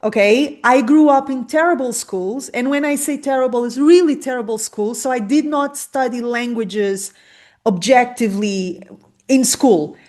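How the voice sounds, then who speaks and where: A woman raised speaking Portuguese and Spanish hosts a conversational podcast interview, expressive and open about her feelings. Her voice is fairly high, at a normal pace.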